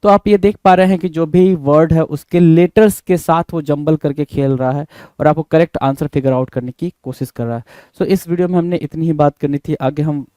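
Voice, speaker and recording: A man's voice: fairly high pitch, moderate pace, dark tone, clean tone, no room sound. A man with an Indian accent teaching an English spelling lesson, going over answers casually and spelling words out letter by letter. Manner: casual, repeats words and spells them out letter by letter, says "bhai" often.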